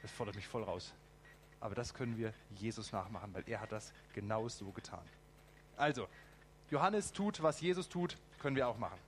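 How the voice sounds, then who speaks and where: A man preaching a lively sermon, asking the congregation direct questions and adding ironic asides. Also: fairly low pitch, fairly quick, a little hiss or hum.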